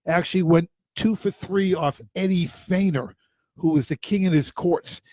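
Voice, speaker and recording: A man's voice: high-pitched, moderate pace, mellow, no echo. A man with a New England accent co-hosting a casual studio chat and telling stories in a plain-spoken way. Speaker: co-host.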